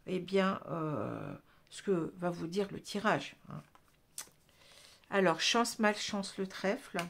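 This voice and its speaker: A woman with a French accent giving a casual tarot reading, chatty, with many restarts and tag words. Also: medium pitch. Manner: chatty, frequent "hein" and restarts. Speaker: tarot card reader.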